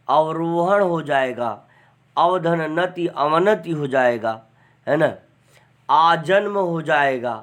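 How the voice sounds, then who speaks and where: Brief: male grammar teacher, slightly high-pitched, chatty and deliberate. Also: a bit bright. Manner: chatty, repeats "है ना" often; dictates word forms slowly and deliberately. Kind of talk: online class lecture.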